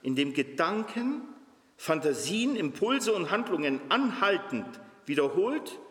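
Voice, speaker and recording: A man's voice: high voice, sing-song, measured pace, fairly bright tone. Earnest man preaching in an echoey hall. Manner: earnest preaching, voice rising sharply when reading scripture. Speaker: pastor. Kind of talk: sermon. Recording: echoey hall with long reverb.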